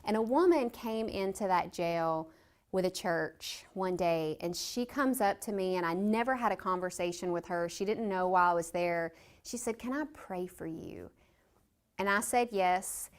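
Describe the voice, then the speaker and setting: A woman in her thirties giving a personal testimony at a reentry event, telling her story and acting out the voices of people in it. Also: moderate pace. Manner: storytelling, acts out quoted voices with big pitch jumps. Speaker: reentry speaker.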